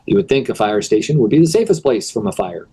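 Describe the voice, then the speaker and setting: A man's voice: lowish voice, big pitch swings, quick pace, mellow, slightly rough, poor audio. A man teaching a recorded lesson in a casual, explaining way, with rhetorical asides, who is starting to lose his voice. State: losing his voice.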